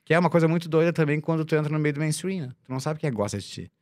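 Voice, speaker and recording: A man, a musician guest in a casual chat, talking in an animated, slangy, emphatic way. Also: on the high side, very fast.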